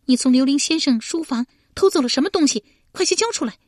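A woman voicing a proud, quick-tempered young swordswoman who snaps back sharply in an audiobook. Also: high-pitched, animated, no echo, clean studio sound, voice pushed up. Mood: demanding. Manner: sharp, indignant retorts.

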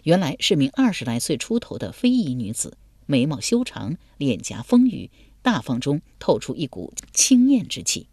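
A woman narrating a historical novel as an audiobook, in an expressive storytelling cadence. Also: sits low, moderate pace, husky, dry recording, studio quality.

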